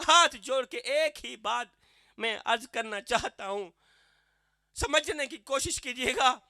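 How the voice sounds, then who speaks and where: A man from Pakistan preaching an impassioned sermon, telling a story with acted voices and shouted climaxes. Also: very high-pitched, no room sound, clean studio sound. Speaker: religious speaker. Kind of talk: impassioned Urdu religious sermon.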